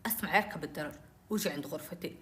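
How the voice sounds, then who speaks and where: A woman telling a personal story, animated and acting out the dialogue. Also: low voice, racing.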